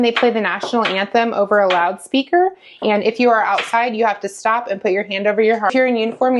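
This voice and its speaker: This is a woman chatting casually in a vlog about military life. She explains things plainly and adds dry little jokes, with a mid-range voice. Her voice is close on a clip-on mic in a small indoor kitchen, with a faint hiss underneath. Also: medium pitch. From United States. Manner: chatty, matter-of-fact, wry asides. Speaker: military spouse vlogger. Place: small temporary lodging apartment kitchen, indoors. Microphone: clip-on lapel mic.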